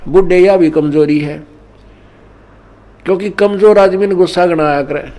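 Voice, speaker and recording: Preacher as a blunt village doctor. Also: male voice, high-pitched, unhurried. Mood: matter-of-fact. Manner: flatly repeating one verdict.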